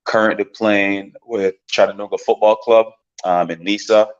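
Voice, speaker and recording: A man in his thirties from Jamaica, a professional soccer player talking casually as a guest, relaxed and rambling with lots of fillers and repeated words. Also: on the low side, moderate pace, smooth, highs cut off. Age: 30s. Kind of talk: casual interview talk.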